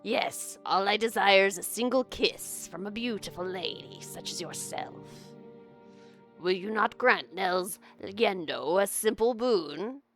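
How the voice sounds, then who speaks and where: A woman voicing a smarmy, courtly male dark elf flatterer from a video game, with florid, ingratiating gallantry. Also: medium pitch, a little slow, faint music behind, close to an everyday voice. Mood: pleading. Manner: florid, ingratiating, old-fashioned gallant phrasing. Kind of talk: video game character read aloud.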